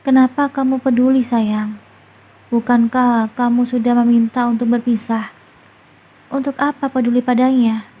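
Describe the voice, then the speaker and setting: A woman voicing a middle-aged mother-in-law who soothes her tearful daughter-in-law while gently probing her. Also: fairly high pitch, little pitch movement, moderate pace, pauses often, breathy edge. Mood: soothing, probing.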